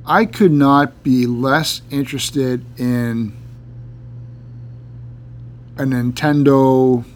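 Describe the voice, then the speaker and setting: A man co-hosting a podcast, chatting casually in a halting, deadpan joking way over a laptop fan. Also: mid-range voice. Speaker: podcast co-host. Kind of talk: casual banter between friends. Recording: laptop fan hum behind voice. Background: loud computer fan.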